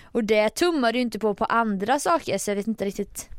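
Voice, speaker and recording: A woman's voice: a little high, lively intonation, dry recording, clean studio sound. A woman co-hosting a podcast in casual chat, teasing her co-host and laughing often.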